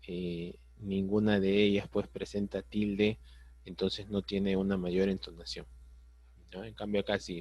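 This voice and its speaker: Slow, low-voiced male teacher. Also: no echo. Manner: patient, explains step by step, frequent checks like "¿sí?" and "¿ya?". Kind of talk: online grammar lesson.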